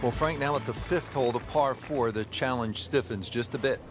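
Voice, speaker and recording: A man's voice: mid-range voice, normal speed. A man giving play-by-play golf commentary as a broadcast announcer. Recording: music and crowd noise behind.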